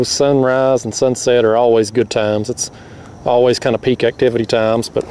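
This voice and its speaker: A young man, talking excitedly and laughing often while he fishes from a kayak on a river, recorded on a mounted action camera. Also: medium pitch, slight background noise. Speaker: fishing vlogger. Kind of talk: casual outdoor fishing commentary.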